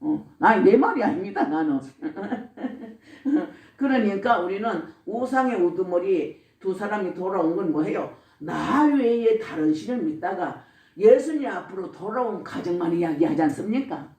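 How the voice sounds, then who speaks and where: A woman's voice: mid-range voice, animated, a little slow, darkish tone. An older woman with a Gyeongsang accent giving a church testimony, asking herself questions and answering them, with frequent laughter. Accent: Gyeongsang Korean. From Gyeongsang region, Korea. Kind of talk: spoken testimony. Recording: echoey room, speaker far from mic.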